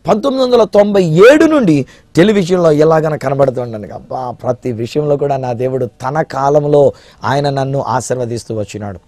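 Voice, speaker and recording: A middle-aged man preaching a televised sermon, dramatic, swinging between hushed tones and soaring passages. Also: on the high side, dry recording.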